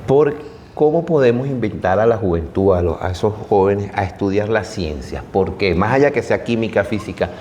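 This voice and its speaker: A man with a Venezuelan accent asks an interviewee questions in a low voice, stumbling and restarting his sentences. The room has a long reverb and faint noise. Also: animated, moderate pace, darkish tone.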